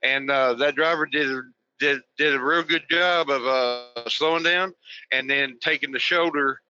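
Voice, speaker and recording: A man's voice: mid-range voice, fairly even intonation, unhurried, sharp tone. A man joining a live talk show remotely, rambling and restarting his phrases in casual chat. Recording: muffled remote call audio.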